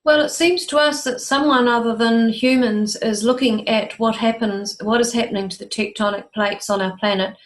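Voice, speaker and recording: A woman in her sixties from New Zealand, with a New Zealand accent, giving measured and informative interview answers with frequent ums. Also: a little high, steady tone, slight background noise. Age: 60s. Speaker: guest, UFO researcher.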